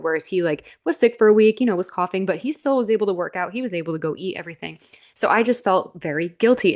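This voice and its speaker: A young adult woman guest on an interview, telling stories in an animated way and acting out what she and others said. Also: on the low side. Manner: animated storytelling, quoting herself and others. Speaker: podcast guest. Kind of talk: casual interview chat.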